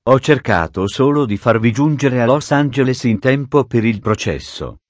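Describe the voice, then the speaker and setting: A man voicing a calm masked outlaw hero, speaking low and level in a dry recording. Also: normal speed, no room sound, natural voice.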